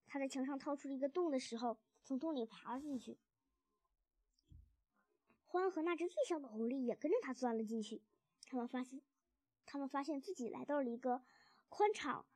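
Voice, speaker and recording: Female storyteller, expressive, high voice, dry close sound. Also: no echo. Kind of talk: children's storybook narration.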